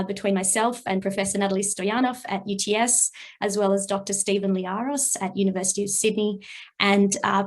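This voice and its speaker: Brisk woman presenting research findings. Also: mid-range voice. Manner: brisk and polite, frequent "um". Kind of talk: presentation at an online event.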